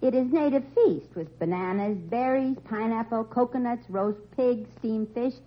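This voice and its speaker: An actress playing an island chief's young daughter in a radio comedy sketch, speaking simple, solemn broken English. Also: female voice, on the high side, moderate pace, natural voice. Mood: earnest deadpan. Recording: noisy muffled old radio recording.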